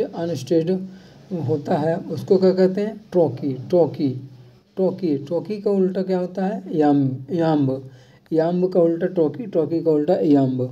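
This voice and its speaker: Teacher, very mellow dark tone, slow repetitive quiz reading, dull distant lo-fi recording. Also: mid-range voice. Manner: reads questions slowly, repeats key terms. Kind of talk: exam-prep lesson, mixing Hindi and English. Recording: dull lo-fi sound from off-mic.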